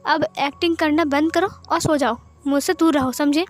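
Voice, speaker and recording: A woman's voice: sits high, steady tone, normal speed, soft background music, close to an everyday voice. A woman voicing a young man who pretends to be angry with his lover, talking in short, curt lines. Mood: cold. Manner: curt, scolding. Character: young man feigning anger, then tender.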